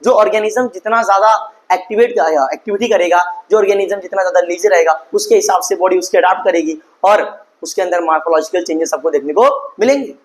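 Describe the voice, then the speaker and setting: A high-voiced man teaches an online lesson. He mixes English terms into his talk and reads English sentences out slowly. He keeps asking his students questions and then answers them himself. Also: low-quality recording. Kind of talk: online class lecture.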